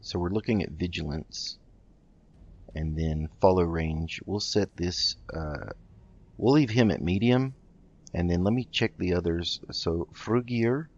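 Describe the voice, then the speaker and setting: In a modest home recording with a somewhat dull sound, a man hosts a video game roleplay let's play. His low voice has a darkish tone and an unhurried pace as he comments casually and hesitantly, reasoning through his moves.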